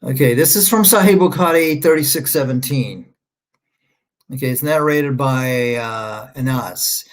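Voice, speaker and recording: Speaking at medium pitch and a little slowly, this male online commentator rambles through casual livestream remarks. His tone is sarcastic and scornful, and he frequently stops to look for something on his screen.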